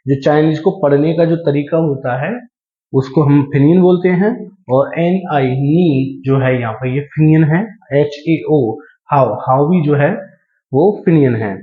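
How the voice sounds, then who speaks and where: Slow, deliberate man teaching in an echoey room. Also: on the high side. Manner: slow and deliberate, repeats key terms; mixes in English phrases. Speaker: language teacher. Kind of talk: slow classroom explanation. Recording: echoey room, dull lo-fi sound.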